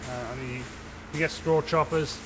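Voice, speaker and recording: An English stockman in his twenties talks while working outdoors at a farm barn, out of breath, over background noise. His fairly high voice is steady and at normal speed as he casually explains things in a plain, practical way with rustic grammar.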